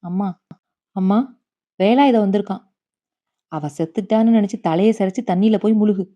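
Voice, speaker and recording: A harsh, rigid middle-aged son, voiced by a woman narrator, who cuts in curtly and shouts through clenched teeth. The audiobook sound is slightly dull. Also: medium pitch, moderate pace, lightly acted. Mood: consoling.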